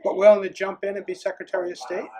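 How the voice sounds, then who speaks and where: A man's voice: sits high, flat delivery, fast, crowd noise. A man hosting an interview series, giving an upbeat, promotional introduction and asking questions. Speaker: host.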